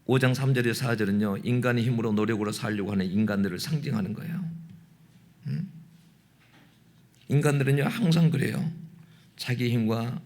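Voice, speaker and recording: Male pastor, mid-range voice, emphatic Sunday sermon with rhetorical prods and sharp shifts between loud and hushed. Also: medium pitch, normal speed, long pauses. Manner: emphatic, prodding the congregation with rhetorical "예?" and "응?"; swings between loud exclamation and hushed intensity.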